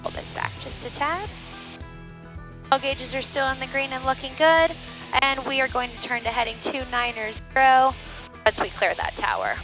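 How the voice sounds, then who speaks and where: A woman's voice: high voice, moderate pace, over music, poor audio. Woman pilot on a cockpit headset. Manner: calm, methodical checklist callouts. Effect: pilot speaking on a cockpit headset mic. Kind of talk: talking through preflight checks and radio calls. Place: small twin-engine airplane cockpit. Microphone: aviation headset.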